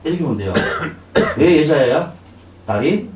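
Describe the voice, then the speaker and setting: Lively male lecturer. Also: a little high, normal speed, reverberant, slight background noise. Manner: asks the class questions, acts out little voices. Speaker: saju lecturer. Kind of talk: live lecture to a class. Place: lecture room with audience.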